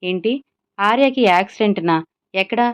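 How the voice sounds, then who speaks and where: A woman's voice: mid-range voice, normal speed, clear, resonant tone, close to an everyday voice. A woman voicing a sly scheming man. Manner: falsely worried, sly. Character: scheming man feigning concern, sly villain.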